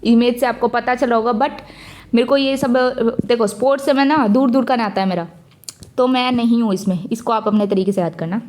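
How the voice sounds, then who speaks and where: Young woman teacher, high voice, chatty, throws in english words, talks right to students. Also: brisk, a little mellow. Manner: chatty, mixes English into talk, addresses students directly. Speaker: exam-prep teacher. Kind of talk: casual lesson with memory tricks.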